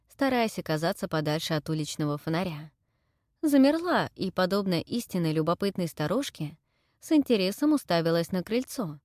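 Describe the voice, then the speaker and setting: A woman narrating an audiobook in the first person with lively, expressive storytelling. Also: fairly low pitch, no echo, clean studio sound.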